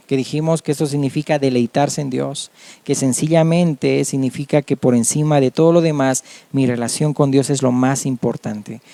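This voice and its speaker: A man preaching a sermon as a pastor, earnest and measured, often adding amen. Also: medium pitch, mellow, no room sound.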